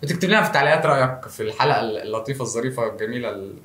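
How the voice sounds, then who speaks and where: A man's voice: medium pitch, expressive, rapid-fire, a bit bright, voice pushed down, close to an everyday voice. A man with an Egyptian accent mockingly imitating a video creator who rattles off requests to subscribe, like and comment, in a roomy-sounding recording. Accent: Egyptian Arabic. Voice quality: rattled-off, sing-song mock routine. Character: generic male video creator reciting subscribe plea. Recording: roomy echo.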